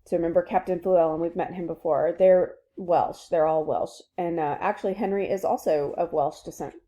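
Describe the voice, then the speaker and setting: A woman's voice: on the low side, steady tone, normal speed, dark tone. A woman teacher giving a recorded literature lesson, explaining a play to her students in a conversational way with frequent fillers.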